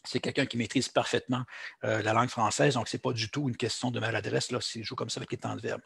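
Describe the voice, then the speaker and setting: Husky man lecturing. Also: medium pitch, level tone, fast talker, fairly bright tone, no room sound. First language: French. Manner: explanatory, many fillers and restarts. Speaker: translation instructor. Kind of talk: recorded lecture.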